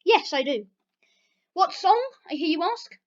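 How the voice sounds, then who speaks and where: A British teenage girl hosts her own question-and-answer vlog, chatting in a very high-pitched, animated voice without rushing. She rambles with plenty of fillers, and the lo-fi recording sounds dull.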